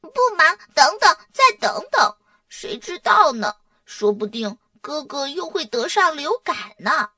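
A woman's voice: high voice, big pitch swings, measured pace, bright, forceful tone, no room sound, pitched above the performer's own voice, full character voice. A woman voicing a cheeky, teasing little girl in a children's storybook reading, in a singsong, gloating manner. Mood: sly. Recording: distant mic, dry sound.

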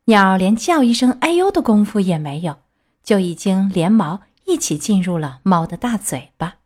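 A woman reading a children's story aloud, expressive and lively. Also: mid-range voice, moderate pace.

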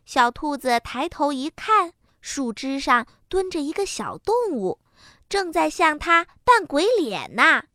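Slow, singsong children's storyteller woman. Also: sits high, big pitch swings, sharp tone, dry recording, studio quality.

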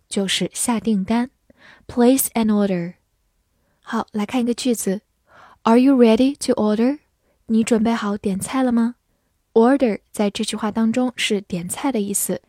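A woman teaching English vocabulary in a slow lesson, spelling words letter by letter and repeating them slowly for learners. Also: on the high side, mellow, no room sound, studio quality.

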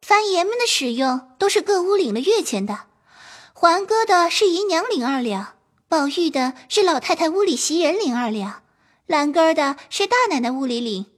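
A woman's voice: very high-pitched, sing-song, normal speed. A woman voicing a proud, shrewd young noblewoman who mocks the servants coldly and gives firm orders in an audio drama. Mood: commanding. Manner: cold, mocking, commanding.

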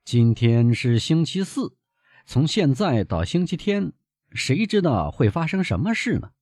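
A man reading aloud, voicing an impulsive, spirited young gentleman who exclaims eagerly. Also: a little high, big pitch swings, unhurried, no echo, voice pushed up.

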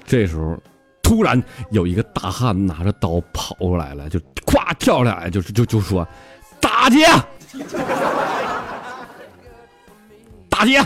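Brash Northeastern Chinese comedian. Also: male voice, low voice, big pitch swings, normal speed. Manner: brash, swearing punchlines. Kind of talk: stand-up comedy monologue. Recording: music behind the voice.

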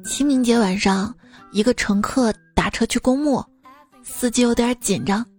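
A woman hosting a joke podcast, reading the jokes in a teasing way. Her voice sits somewhat high and leaps even higher when a punchline lands. Soft music plays underneath. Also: normal speed. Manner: teasing, jumps to high excited tones on punchlines. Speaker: host.

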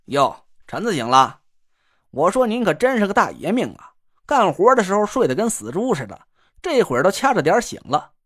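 A man's voice: sits high, big pitch swings, brisk, fairly bright tone, husky, dry recording, studio quality, full character voice. A man voicing a cocky, joking young man who teases his friend while cooking. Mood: teasing. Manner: teasing, boastful, chatty slang. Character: cocky joking young male camp cook. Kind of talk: audiobook character voice.

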